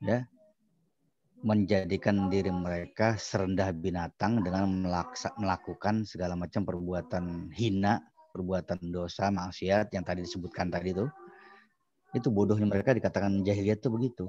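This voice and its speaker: Male teacher, lower register, animated storyteller, muffled lo-fi class recording. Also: moderate pace. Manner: animated storyteller acting out dialogue. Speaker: Islamic studies teacher. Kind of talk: storytelling lecture.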